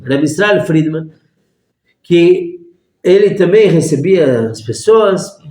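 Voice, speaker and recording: A man, a rabbi teaching a lesson through lively stories and acted-out voices. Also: on the high side. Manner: animated storyteller acting out voices. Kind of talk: storytelling lesson. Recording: echoey room.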